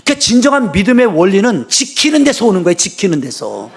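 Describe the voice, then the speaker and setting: A middle-aged man preaching a sermon as senior pastor, swinging between fervent shouts and low, conversational asides. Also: huge pitch swings, fast, creaky.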